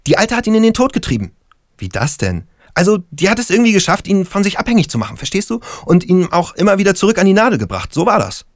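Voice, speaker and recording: A man reading an audiobook, voicing a crude, excitable young stoner who works as a stonemason and speaks in a blustery way. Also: high voice, quick pace, no echo, studio quality, voice pushed up. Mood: excited. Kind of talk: audiobook character voice.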